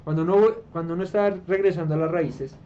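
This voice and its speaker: A Colombian man with a Colombian Spanish accent speaks quickly in a warm, steady tone. He leads a small-group Bible study conversationally, often checking in with listeners and restarting hesitantly as he explains. The room recording is dull and low-fi, with faint hiss.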